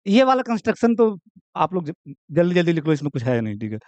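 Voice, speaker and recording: A man's voice: high voice, sing-song, quick pace, darkish tone, no room sound, lo-fi sound. A young man teaching university maths in Hindi in a chatty lecture style, with joking asides, who keeps asking "theek hai?". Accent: Hindi, Uttar Pradesh. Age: young adult. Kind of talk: classroom lecture.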